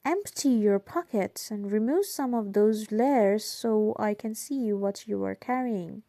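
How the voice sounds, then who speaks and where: A woman's voice: mid-range voice, unhurried, warm tone, no echo, lightly acted. A woman reading a cold, bullying army officer. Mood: cold, menacing. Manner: curt, cold commands. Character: harsh male occupying army officer, bullying. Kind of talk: audiobook character reading.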